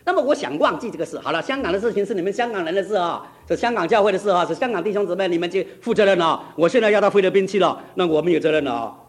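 A man's voice: sits high, lively intonation, very fast, hardly any pauses. A middle-aged male pastor preaching a sermon, telling a story with emphatic, urgent build-ups.

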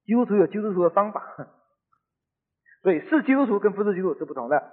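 A man's voice: high voice, expressive, a little fast, husky. Middle-aged man preaching over tinny radio. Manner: conversational, earnest storyteller. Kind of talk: radio sermon storytelling. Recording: tinny phone-like radio broadcast with long reverb.

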